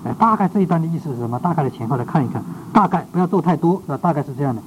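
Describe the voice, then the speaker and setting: A man's voice: a little high, lively intonation, rapid-fire. Man teaching a Bible class, lo-fi. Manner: frequent "ah" fillers and rhetorical checks; mixes English words into speech. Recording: dull lo-fi recording with faint background noise.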